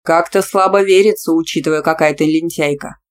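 Woman reading a cocky man, low, calm, domineering, slightly growled. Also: brisk, natural voice. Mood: smug. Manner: low, self-assured, growling at times. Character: smug, pushy male teacher, calm and domineering.

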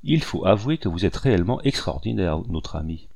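A man's voice: deep voice, animated, a little fast, creaky, darkish tone, dry recording, studio quality, exaggerated voice. A man reading a hearty older planter. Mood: cordial. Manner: hearty, cordial. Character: warm older male planter and father.

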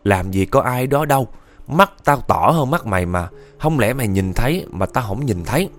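A man's voice: medium pitch, animated, normal speed, faint music behind, natural voice. A man doing a doubtful young student girl. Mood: puzzled. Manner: questioning, puzzled.

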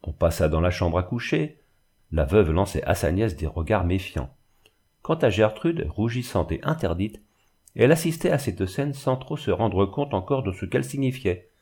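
A man reading a classic novel aloud in a steady, literary narration. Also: fairly low pitch, normal speed, breathy edge. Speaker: audiobook narrator. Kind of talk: scripted narration.

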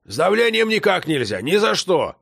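Man voicing a grumpy old grandfather, gruff, raised pitch, gravelly. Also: huge pitch swings, normal speed, fairly bright tone, no room sound, studio quality, heavily acted. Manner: gruff, quarrelsome.

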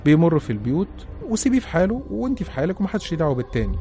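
A man voicing a hushed Egyptian sheikh. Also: fairly high pitch, sing-song, rapid-fire, faint music behind, pitched above the performer's own voice. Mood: calm reassuring. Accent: Egyptian Arabic. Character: calm older male sheikh healer.

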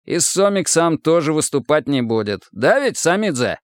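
A man's voice: on the high side, sing-song, normal speed, no room sound, clean studio sound, pitched above the performer's own voice. A man voicing a coarse, bullying male army sergeant who talks in threatening slang. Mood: menacing.

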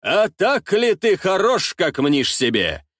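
A man reading an audiobook, voicing a boastful, hot-headed male boyar warrior who shouts his taunts in a higher, drawn-out voice. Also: sing-song, no room sound, studio quality, heavily acted. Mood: taunting. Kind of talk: audiobook character voice.

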